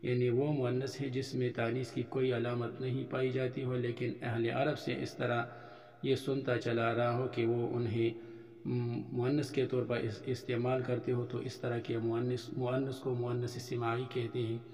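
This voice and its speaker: A man's voice: medium pitch, completely flat delivery, normal speed, darkish tone. A man teaching an Arabic lesson, patiently explaining each point and drawing out the example words. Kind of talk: recorded religious-school lesson. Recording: roomy hall echo.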